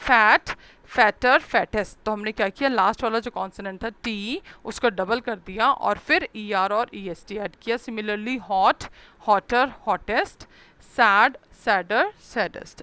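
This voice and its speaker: A woman teacher walks children through a grammar lesson, moving between English and Hindi and spelling each word out letter by letter. Her voice is slightly high, smooth and clear, and she speaks slowly and deliberately. The recording is dry and close, with no room echo. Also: bright, forceful tone. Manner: explains patiently, mixing English and Hindi, spells words letter by letter.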